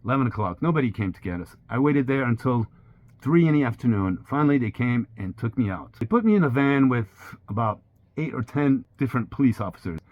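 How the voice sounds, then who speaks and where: Brisk and mid-range in voice, a French-speaking man in his sixties tells the story of his ordeal as a sailing vlogger. He keeps it plain and candid, with steady pacing. The recording comes across slightly dull with a faint hiss.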